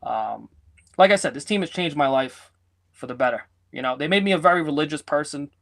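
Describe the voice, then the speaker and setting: A man's voice: fairly high pitch, expressive, fairly quick, gravelly, a bit bright. A man co-hosting a sports betting podcast in casual banter, joking around, rambling and teasing his partner.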